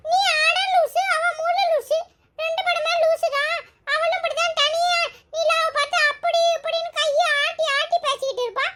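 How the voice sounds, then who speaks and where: A woman voicing a chatty, teasing little village boy in a cartoon, with a squeaky, giggly voice. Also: fairly even intonation, moderate pace, background noise. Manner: teasing, rambling, singsong. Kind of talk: cartoon storytelling.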